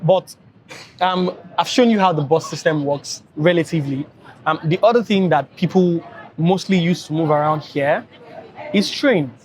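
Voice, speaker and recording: Nigerian-accented male travel vlogger, tired, chatty, higher-pitched voice. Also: moderate pace, darkish tone, slight background noise. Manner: chatty, rambling, with many fillers. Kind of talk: casual travel vlog talk to camera.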